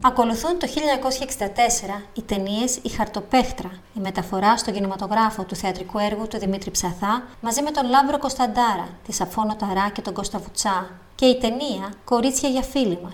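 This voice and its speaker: A woman narrates a tribute documentary. She reads in a measured, even manner with a slightly high voice. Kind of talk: scripted narration.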